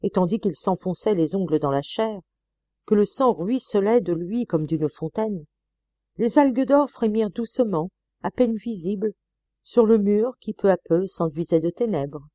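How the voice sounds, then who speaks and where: A woman reading a novel aloud as an audiobook narrator, measured and expressive, on a close mic. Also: medium pitch, no room sound. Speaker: audiobook reader.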